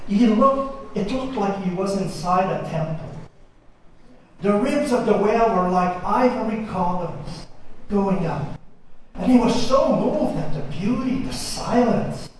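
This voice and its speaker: A man telling a traditional story to a live audience, slow and dramatic with hushed pauses. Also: sits high, animated, a little hiss or hum. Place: large hall with an audience. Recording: echoey hall from far off.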